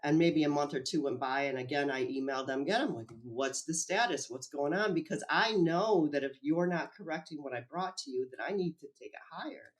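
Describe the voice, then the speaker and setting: A woman speaking as an interview guest, recounting her experience in a lively, animated way. She acts out conversations as she tells them and laughs easily. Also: low voice, a little fast, hardly any pauses. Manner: animated, acts out quoted dialogue, laughs often. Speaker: whistleblower guest. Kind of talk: interview storytelling.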